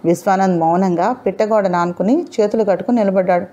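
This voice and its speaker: A woman narrating a novel in a steady, even storytelling manner. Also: mid-range voice, fast talker, muffled recording.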